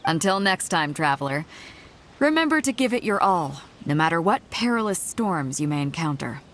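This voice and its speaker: A woman's voice: low-pitched, very animated, normal speed, fairly bright tone, a little hiss or hum. An actress playing a confident, hearty and protective female ship captain in a video game.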